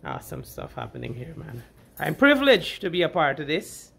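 A man's voice: on the high side, very animated, a little fast, creaky, slightly rough. A man, giving upbeat, enthusiastic running commentary on a handheld phone vlog in a hotel. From Guyana. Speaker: vlogger. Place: hotel room and lobby, indoors. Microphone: phone camera held at arm's length. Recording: phone video amid loud crowd chatter.

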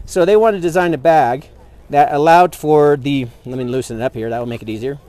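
A man in his thirties with a fairly high, mellow voice speaks briskly as a product representative at an outdoor expo booth. He demonstrates hands-on with eager, explanatory enthusiasm, captured by a camera mic a few feet off.

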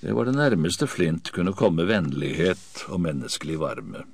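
A man's voice: low voice, sing-song, gravelly, slightly rough, no room sound. A man narrating an audiobook in the first person with a vivid, dramatic reading.

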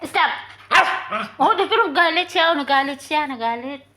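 A woman's voice: sits high, lively intonation, moderate pace. A woman vlogging at home, teasing and scolding her pet in a sing-song way. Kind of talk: casual vlog talking to her dog. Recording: loud background noise, dog barking.

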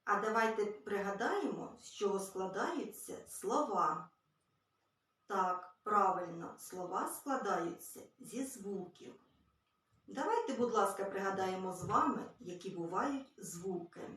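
A woman teaching a literacy lesson to small children, gently and patiently. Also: medium pitch, expressive, measured pace. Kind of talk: early-years literacy lesson. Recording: very echoey room, far from mic.

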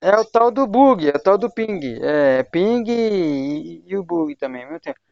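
A man's voice: high voice, lively intonation, a little slow, creaky, no echo. A young man from Brazil chatting casually on a gaming livestream, slangy and talkative while he plays. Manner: slangy, chatty, talks to voice chat while playing. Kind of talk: casual live gaming chat. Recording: dull, lo-fi home stream mic.

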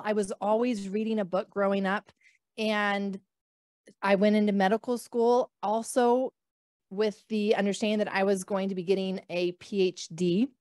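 This physician guest, a woman in her thirties from near the Canadian border in the northern US, recounts her story filler-laden on a video call. Her medium-pitched, darkish voice comes through a podcast mic in a small home room, clean and echo-free like a studio.

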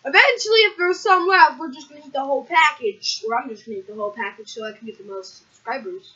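A woman chatting casually and loudly on a vlog, teasing her co-host and often shouting during a candy challenge. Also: high-pitched, quick pace, dull audio.

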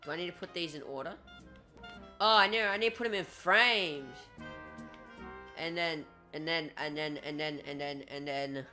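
A young man giving casual, excitable gameplay commentary as a YouTuber, talking to himself and swearing at the game. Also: on the high side, moderate pace, pauses often, faint music behind. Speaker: gaming YouTuber.

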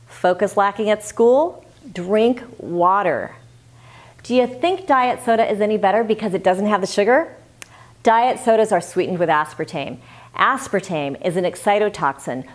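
A woman's voice: medium pitch, darkish tone. A woman hosting a health tips video, speaking to camera in an emphatic, scripted style full of rhetorical questions.

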